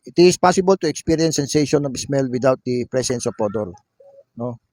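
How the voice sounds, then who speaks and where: A man's voice: medium pitch, expressive, moderate pace, darkish tone, no echo. A man giving a classroom lecture, reading definitions aloud and explaining them with a frequent questioning "no?". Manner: explanatory, frequent tag "no?", reads English definitions then explains. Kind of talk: classroom lecture mixing Tagalog and English.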